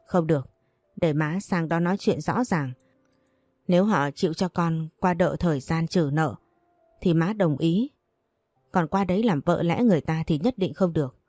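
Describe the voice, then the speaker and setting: Woman doing a stern worried mother, storybook reading, lowish mellow voice, dry sound. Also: normal speed, no room sound, faint music behind. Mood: pleading. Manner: stern scolding, pleading. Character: worried poor rural mother, stern but tender.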